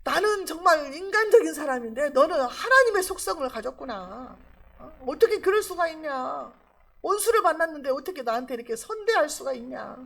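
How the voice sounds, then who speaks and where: A woman's voice: high voice, very animated, brisk, creaky, a bit bright, pitched above the performer's own voice, heavily acted. Saul, a woman preacher voicing a remorseful old king.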